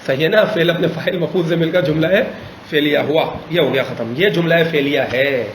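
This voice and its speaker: A man's voice: a little high, slight background noise. Corrective male grammar teacher, echoey room. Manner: patient, corrective, quizzing students. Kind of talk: Arabic grammar class.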